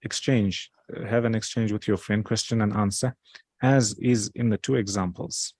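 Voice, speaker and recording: A man's voice: on the low side, fairly even intonation, normal speed, a little mellow, breathy edge, no echo. A man teaching a study circle, patiently explaining step by step. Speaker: religious teacher.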